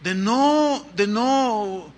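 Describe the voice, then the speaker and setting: A man preaching a sermon to his congregation as their pastor. He is emphatic and breaks into sudden loud rises. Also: sits high, lively intonation, very slow. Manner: speaks to the congregation as brothers. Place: church.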